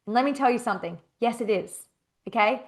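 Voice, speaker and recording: A young adult woman hosting a casual solo podcast as a coach, emphatic and expressive, repeating phrases and swearing freely. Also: a little high, a little fast.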